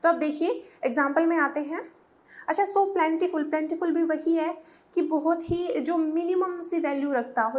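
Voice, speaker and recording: This Hindi-English language lesson features a woman with a high-pitched, slightly mellow voice explaining English idioms to Hindi speakers. She mixes the two languages and patiently spells out words letter by letter.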